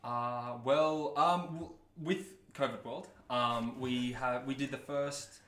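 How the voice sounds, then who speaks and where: A man's voice: medium pitch, steady tone, takes it slowly, a bit bright. Young Queensland Australian man, echoey room. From Brisbane, Australia. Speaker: actor being interviewed. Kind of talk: casual interview chat.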